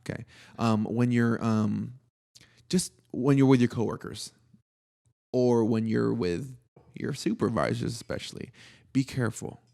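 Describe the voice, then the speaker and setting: This deep-voiced male podcast co-host speaks at a measured pace, mellow and with vocal fry. He keeps the casual chat relaxed, joking around and using plenty of slang.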